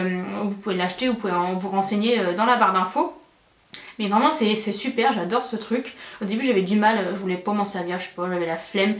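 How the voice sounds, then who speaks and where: A young woman beauty vlogger chatting casually and enthusiastically, with many fillers. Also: medium pitch. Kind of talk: casual chat. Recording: echoey room, mic at a distance.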